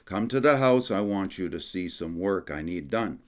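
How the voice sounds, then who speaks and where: A man's voice: sits low, animated, moderate pace. A man voicing an earnest, simple Acadian French woodsman who speaks broken English emphatically. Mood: eager, emphatic.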